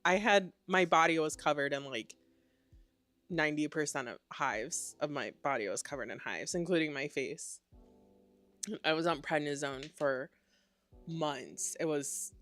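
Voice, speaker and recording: A woman's voice: low voice, expressive, moderate pace, fairly bright tone, no room sound, soft background music. A woman hosting a live stream in casual, rambling chat, sounding congested and nasal. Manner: chatty and rambling, many "like"s. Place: at home at a computer.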